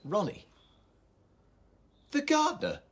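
An actor playing a defensive young driver in a radio sitcom, giving terse replies. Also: male voice, sits high, huge pitch swings, takes it slowly, no room sound, full character voice. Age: young adult. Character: put-upon, defensive young male driver.

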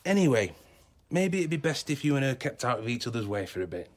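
An actor playing a smarmy, breezy boss in a radio sitcom, glib and chummy. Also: male voice, mid-range voice, sing-song, quick pace, lightly acted. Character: smarmy, breezy young male boss who discards his friends.

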